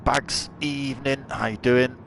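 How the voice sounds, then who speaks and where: A man's voice: mid-range voice, steady tone, unhurried, creaky. A man giving chatty, jokey live commentary on an online racing event, cracking dad jokes between updates. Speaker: race commentator and streamer. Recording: loud engine and track noise behind. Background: racing car engines.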